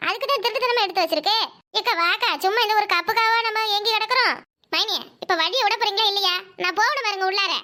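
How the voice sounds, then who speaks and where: A woman voicing a scheming, sharp-tongued young sister-in-law in a Tamil cartoon, speaking with a Kanyakumari Tamil accent. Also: fast talker. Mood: quarrelsome. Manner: shrill, quarrelsome, fake-tearful.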